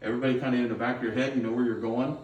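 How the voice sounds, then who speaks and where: A middle-aged man, a basketball coach, gives his team a pregame pep talk, plain-spoken and instructive, often checking in with a quick okay. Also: medium pitch, little pitch movement, darkish tone, highs cut off. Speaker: high school girls' basketball coach. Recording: roomy echo, distant microphone.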